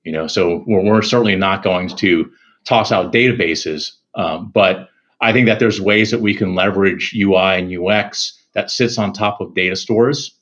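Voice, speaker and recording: Male guest, security executive, low voice, measured and reflective, muffled remote-call audio. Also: a bit bright. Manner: measured, thinking aloud with fillers. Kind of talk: casual interview answers.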